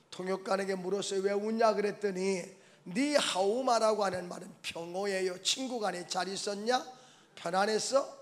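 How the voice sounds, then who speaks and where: Animated high-voiced male preacher. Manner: animated preaching, swinging from soft to shouted exclamations. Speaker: pastor. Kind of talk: revival sermon. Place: church sanctuary.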